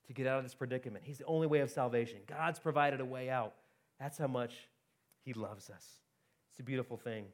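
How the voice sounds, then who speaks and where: A man preaching a sermon in an urgent, conversational way, often dropping quiet and then rising. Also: mid-range voice. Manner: urgent, conversational preaching with rapid swings in loudness.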